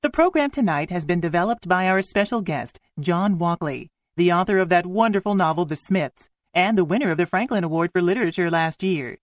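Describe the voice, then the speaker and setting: A woman's voice: lowish voice, lively intonation, a little fast, few pauses, no echo. A woman reading a scripted welcome speech as an event presenter, formal and courteous.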